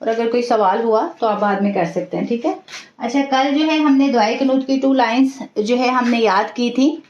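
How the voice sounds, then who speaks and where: A woman teaching an online class, reciting each sound slowly and carefully. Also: fairly high pitch, a little mellow. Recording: echoey dull room audio.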